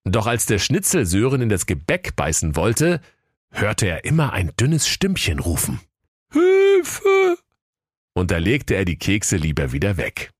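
A man with a very deep voice reads a comic fairy tale with playful, theatrical flair. His voice swoops widely across its range. The sound is dry and close. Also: big pitch swings, normal speed, no room sound. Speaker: narrator.

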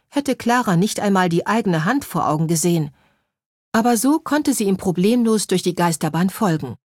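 A woman narrating a children's story in a clear, measured way. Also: fairly low pitch, darkish tone, no echo, studio quality.

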